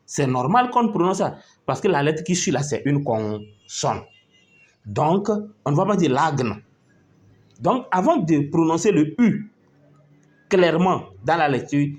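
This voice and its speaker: Slow, lively-pitched male teacher. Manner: patient, spells out letters and syllables, checks pupils follow. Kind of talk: phonics lesson at a board.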